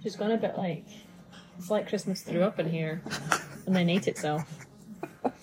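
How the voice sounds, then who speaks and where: A woman co-hosting a casual podcast chat as a dog behaviourist, lively and questioning, quick to laugh. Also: lowish voice, rough recording. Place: festively decorated room with background music.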